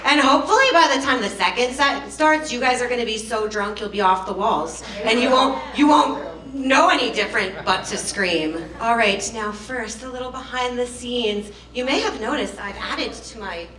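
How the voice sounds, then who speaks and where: A woman's voice: fairly high pitch, moderate pace, hardly any pauses, fairly bright tone. A woman hosting a live burlesque show, chatting with the crowd in playful, teasing stage banter. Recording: echoey live venue, distant microphone.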